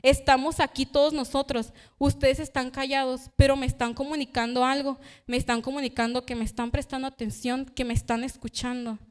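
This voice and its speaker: A woman's voice: sits high, little pitch movement, a little fast, hardly any pauses, smooth. A young woman preaching a sermon in church, telling a personal story and acting out the voices she quotes. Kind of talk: youth sermon.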